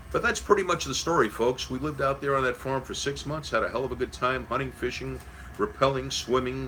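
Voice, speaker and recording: A man's voice: medium pitch, pushed and bright, slight background noise, poor audio. A middle-aged man from New City, telling stories casually in a folksy, reminiscing way. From Queens, New York City. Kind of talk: casual storytelling.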